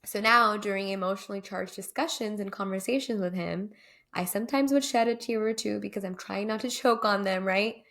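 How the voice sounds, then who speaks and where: A woman's voice: mid-range voice, fairly quick, fairly bright tone. A young woman co-hosting a podcast, talking candidly and reflectively, dotted with "like" and "right?" fillers. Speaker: podcast co-host.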